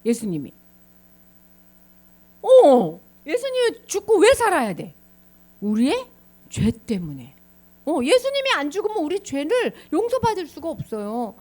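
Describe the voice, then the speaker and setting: A woman's voice: sits high, a little slow, pauses often. A woman pastor giving a children's sermon, asking the kids questions as she tells the story. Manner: animated, quizzes the children.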